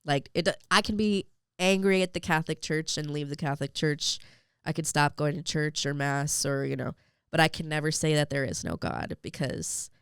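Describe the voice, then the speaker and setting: In a clean, dry studio recording, a young woman with a low-pitched, clean-toned voice gives an interview as a podcast guest. She emotionally recounts her personal faith story, peppered with "like" and fillers.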